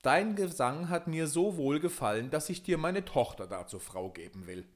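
A man's voice: a little high, animated, normal speed, voice pushed up, close to an everyday voice. Guy doing the old king, firm and bossy, storybook voice. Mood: stern. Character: stern old king, angry father.

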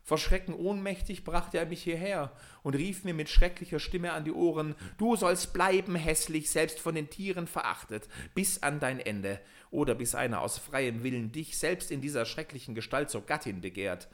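Man doing a lamenting owl princess, raised pitch, plaintive, fairy tale audiobook. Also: normal speed, few pauses, a bit bright. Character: sorrowful enchanted owl princess, female, young.

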